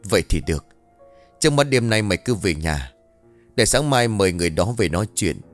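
A man voicing a calm, wise elderly grandmother in a ghost story, speaking slowly and deliberately in a lowered voice. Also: faint music behind, lightly acted. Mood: resolute.

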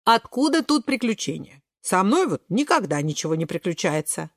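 A woman voicing a lazy, couch-loving zucchini boy who grumbles slowly in a lower voice. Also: sing-song, dry recording, studio quality. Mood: grumbling. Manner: slow, grumbling, lower than the narrator.

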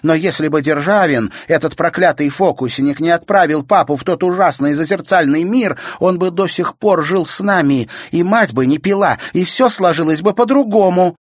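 A man reading an audiobook and voicing an angry, sarcastic teenage girl who shouts at her brother. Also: on the high side, moderate pace, hardly any pauses, no echo, studio quality, voice pushed up, close to an everyday voice. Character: angry, sharp-tongued teenage girl, a sister. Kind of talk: audiobook character voice.

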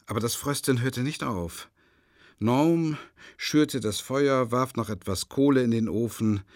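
An actor voices a reserved, weary male teacher narrating his own story in the first person, in the measured manner of a literary radio drama. His lowish voice stays measured, and his replies are terse.

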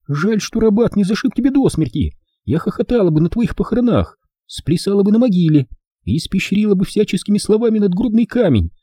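A man's voice: animated, fairly quick, mellow, breathy edge, no echo, studio quality. A man voicing a fiery, sarcastic young woman who bursts out in indignant lines. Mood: furious. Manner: shrill, indignant outbursts.

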